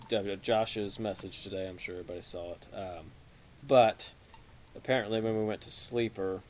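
A man with a lowish voice vents animatedly about a dull game on a casual podcast. His talk is lively and exasperated, with faint noise behind it. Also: moderate pace. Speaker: podcast co-host. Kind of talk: casual fantasy football chat.

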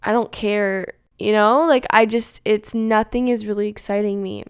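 A young woman talks to camera from home in a loose, rambling confessional chat, leaning on "like" over and over. Her voice is strikingly smooth and crisp, and the sound is completely dry with no room echo at all. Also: medium pitch, steady tone, normal speed. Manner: rambling, filler-heavy, says "like" constantly. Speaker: vlogger.

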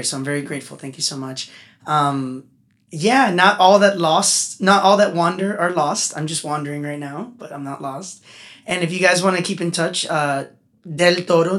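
Animated, talkative male musician guest. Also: on the high side. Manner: animated, talkative, gets emotional. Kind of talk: casual podcast interview.

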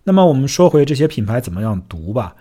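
A man hosting a casual solo podcast, chatty and self-deprecating, who drops English words into his talk and slows down to sound out foreign words carefully. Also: mid-range voice, sing-song, mellow. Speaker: podcast host.

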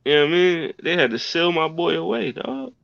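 A man's voice: fairly high pitch, lively intonation, brisk, creaky, a bit bright, dry recording. A man on a discussion panel, talking casually with heavy slang and firm opinions, on a dry lo-fi recording. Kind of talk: casual group chat.

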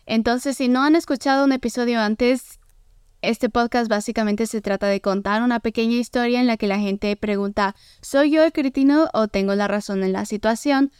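A woman's voice: on the high side, moderate pace, a little mellow, smooth, no echo, studio quality. A woman hosting a casual podcast, a chatty and friendly interviewer. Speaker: podcast host.

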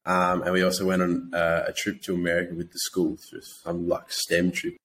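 Low-voiced young man, broad Australian accent. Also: completely flat delivery, normal speed, fairly bright tone, slight background noise. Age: young adult. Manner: blokey, laid-back slang and swearing. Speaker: podcast host. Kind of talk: casual chat.

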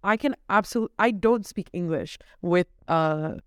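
A woman's voice: on the low side, unhurried, clear, resonant tone, dry recording, studio quality. A woman born in India whose first language is Marathi, co-hosting a podcast in reflective, rambling chat. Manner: reflective, rambling, questions to the listener. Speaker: podcast co-host. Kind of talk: casual chat.

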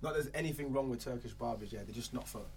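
A young man with a London roadman accent tells an animated anecdote in casual, slangy chat, repeating phrases for emphasis. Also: medium pitch, fast talker, vocal fry, faint music behind.

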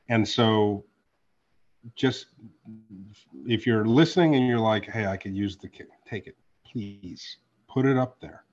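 A man talking on a casual podcast, animated and quick to curse, jumping from loud bursts to mumbled asides. His voice is a little husky. The recording sounds slightly dull and lo-fi. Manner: animated, profane, swings from loud outbursts to low asides. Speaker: podcast host and card artist.

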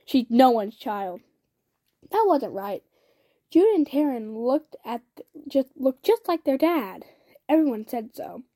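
A woman's voice: high voice, sing-song, measured pace, mellow. Young woman reading a novel aloud. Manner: reads with frequent slips and restarts. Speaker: reader. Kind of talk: casual storybook reading.

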